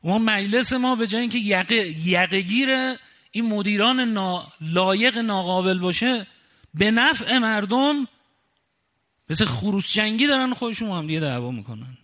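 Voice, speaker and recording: Fiery high-voiced preacher man. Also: lively intonation, pushed and bright. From Khuzestan, Iran. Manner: fiery, indignant, rhetorical questions. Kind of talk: impassioned sermon.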